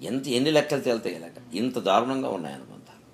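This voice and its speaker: A man's voice: medium pitch, very animated, fast, creaky, slight background noise. A middle-aged man giving a spiritual discourse, telling stories and asking rhetorical questions with emphatic rises. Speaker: spiritual speaker.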